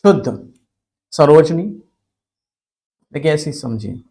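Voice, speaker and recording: A man teaching a spelling lesson, asking questions and answering them himself, repeating key words slowly. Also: medium pitch, a little mellow. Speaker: Hindi grammar teacher.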